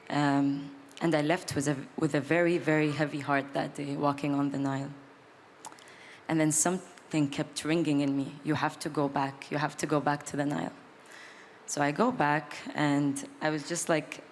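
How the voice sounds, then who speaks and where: A young woman from Egypt and Palestine sharing a personal story as a panelist, reflective and hesitant with many ums. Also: deep voice. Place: large hall at an event. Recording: reverberant hall, faint noise.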